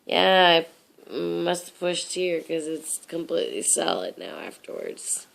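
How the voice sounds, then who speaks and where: A woman's voice: sits low, very animated, unhurried, creaky, a bit bright, slight background noise. A woman talking in her sleep, rambling drowsily in disjointed nonsense at home at bedtime.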